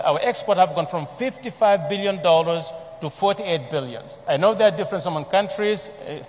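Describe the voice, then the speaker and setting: A man from Senegal presents a report in a large conference hall, his voice sitting a little high for a man. He talks in a measured, formal way, pausing on fillers and restarting phrases. A long reverb trails after his words.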